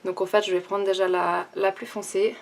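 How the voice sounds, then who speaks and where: A young woman talking casually through a makeup tutorial and review, thinking aloud with many pauses and restarts. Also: medium pitch, flat delivery, gravelly. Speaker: beauty vlogger.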